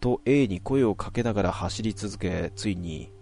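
A man narrating a horror story from his own past in a measured, suspenseful way. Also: low-pitched, vocal fry, a little mellow.

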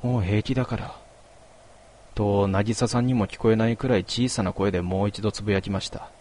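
A man narrates a first-person story in a steady, quiet voice. His reading is measured and melancholy, set in a fairly low register. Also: slight background noise.

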